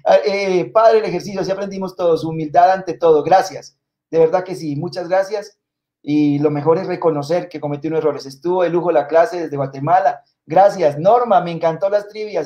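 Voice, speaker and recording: A man hosting a live-streamed spelling trivia. He reads out viewer comments and names and thanks people warmly, with many fillers and repeated words. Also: sits high, muffled recording. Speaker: live quiz host.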